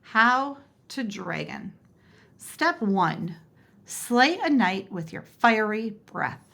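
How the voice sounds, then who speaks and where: Woman, storybook read-aloud, expressive, slow unhurried pace, lively melody. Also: on the high side, vocal fry. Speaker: storybook reader. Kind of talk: reading a picture book aloud.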